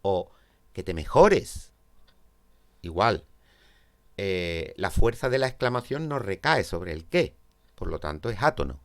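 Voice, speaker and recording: A man with a Peninsular Spanish accent teaches a grammar lesson, explaining each rule patiently, one step at a time. His delivery is slow, with a lot of movement in the pitch. He pauses now and then to ask whether everyone is following. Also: animated. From Spain. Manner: explains step by step, checks in with "¿vale?".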